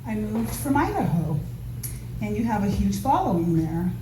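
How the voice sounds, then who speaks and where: A woman's voice: mid-range voice, very animated, moderate pace, warm tone. A woman from Nevada giving an earnest, rambling public comment at a community meeting, with many fillers. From Nevada, USA. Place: meeting hall. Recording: echoey hall, far from mic, noisy.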